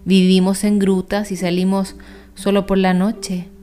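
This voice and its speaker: A woman's voice: medium pitch, little pitch movement, measured pace, dark tone, close to an everyday voice. A woman voicing a curious, playful young boy bat in a storybook reading, asking questions eagerly. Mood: protesting.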